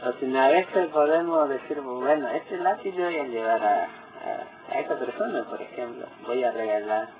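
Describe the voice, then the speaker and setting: Un hombre cuya lengua materna es el mbyá guaraní, dirigente comunitario que traduce y explica con frases entrecortadas y repitiendo "por ejemplo". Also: male voice, mid-range voice. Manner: halting, repeats "for example" often. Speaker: community leader and interpreter. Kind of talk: explaining and translating in conversation. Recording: tinny phone-like sound with music behind.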